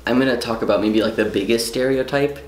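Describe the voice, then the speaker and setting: A young French-speaking vlogger from Quebec, Canada, talks fast in a medium-pitched voice from a room at home, where the sound is roomy. His casual vlog rambles and interrupts itself, with some swearing.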